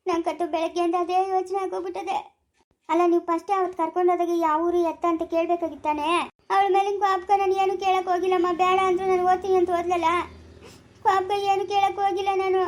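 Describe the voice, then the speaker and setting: A woman playing a tearful, high-voiced village mother. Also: little pitch movement, fast, darkish tone. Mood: tearful worry. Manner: tearful, worried, rambling. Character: anxious village mother fretting over missing daughter. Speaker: mother of a missing daughter. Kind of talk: amateur family drama acting.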